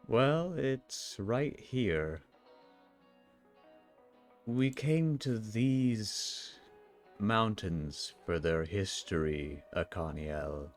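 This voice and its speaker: A man playing a calm, wistful ancient sun champion, speaking slowly and solemnly in a live role-play. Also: low voice, full character voice. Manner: slow, reflective, solemn storytelling.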